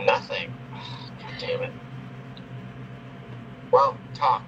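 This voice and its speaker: A man co-hosting a casual chat over an online call, his audio warbling and bubbling as if underwater, muttering curses under his breath. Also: extremely slow. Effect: garbled underwater-sounding call audio. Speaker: podcast co-host. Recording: muffled lo-fi call line, loud noise.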